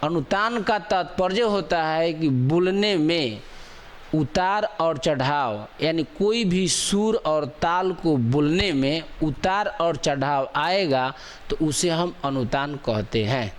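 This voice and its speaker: A man's voice: fairly high pitch, animated, slow. A man teaching a grammar lesson, repeating example sentences over and over with rising and falling intonation to show the difference. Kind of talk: Hindi grammar lecture.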